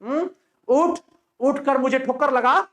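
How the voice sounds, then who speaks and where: A man voicing an enraged, violent young soldier, slow, threatening and shouting. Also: very high-pitched, pitched above the performer's own voice. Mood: menacing fury.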